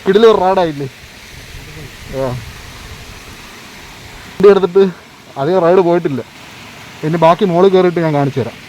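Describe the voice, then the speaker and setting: Higher-pitched man mixing in English, outdoor noise. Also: normal speed, long pauses, warm tone, lo-fi sound. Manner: mixes English words into Malayalam; exclaims in slang, often asks viewers how it is. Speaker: motovlogger, host. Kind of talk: casual travel vlog chat to viewers. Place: outdoors on a hill road, by motorbike. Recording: noisy outdoor ride with vehicle noise.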